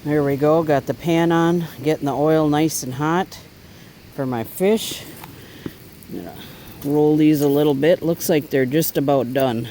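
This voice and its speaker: A man's voice: a little high, measured pace, dark tone, slight background noise, low-quality recording. A man casually talking through an outdoor cooking vlog, chatty and easygoing while he eats and cooks by a fire. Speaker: bushcraft vlogger.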